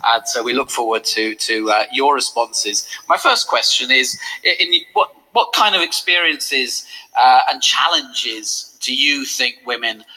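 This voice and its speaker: Male panel moderator, very bright sharp tone, hesitant with frequent restarts. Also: mid-range voice, lively intonation, unhurried, poor audio. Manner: hesitant, with many restarts and fillers. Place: conference hall.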